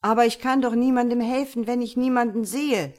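A woman voicing a humble, unlucky young man, speaking loudly and emotionally in a storybook reading. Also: mid-range voice, measured pace, lightly acted. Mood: exasperated.

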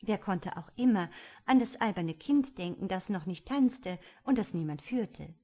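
A woman's voice: medium pitch, animated, measured pace, mellow. A woman narrating an old-fashioned story as an audiobook reader.

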